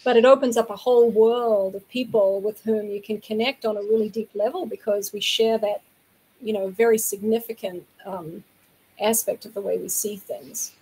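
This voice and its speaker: A woman's voice: medium pitch, fairly even intonation, moderate pace, mellow, slight background noise, rough recording. A woman with a New Zealand accent, a guest in an interview, explaining her views earnestly in long flowing sentences. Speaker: guest from a vegan community. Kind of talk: casual interview talk.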